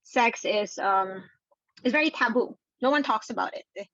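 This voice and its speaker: A woman's voice: on the high side, normal speed, fairly bright tone, dry recording, highs cut off. A woman, a therapist guest, speaks earnestly in a casual interview with frequent fillers and light laughs. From Philippines. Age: adult with a daughter. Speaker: sex and relationships therapist, guest.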